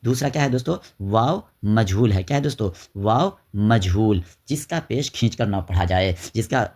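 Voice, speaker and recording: A man giving an exam-prep grammar lesson. He keeps asking rhetorical questions and repeats each term, drawing out the example words slowly. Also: fairly low pitch, animated, darkish tone. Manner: repeats terms and quizzes students with rhetorical questions. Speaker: Urdu grammar teacher.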